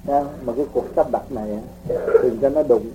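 A man teaching spiritual practice in a relaxed, folksy way, explaining with homely examples to his students. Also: mid-range voice, fairly quick, heavy background noise. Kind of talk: casual spiritual teaching talk.

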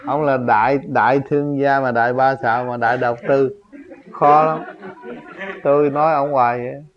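A man's voice: medium pitch, steady tone, moderate pace. A man giving a spontaneous religious teaching, emphatic and full of rhetorical questions, his voice jumping up on key points. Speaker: spiritual teacher. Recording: dull lo-fi recording.

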